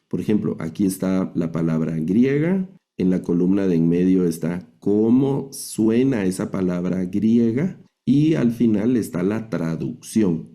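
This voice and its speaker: A man teaching a Greek lesson, slow and methodical, often repeating key words. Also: low-pitched, creaky, warm tone. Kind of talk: classroom lesson on Greek letters.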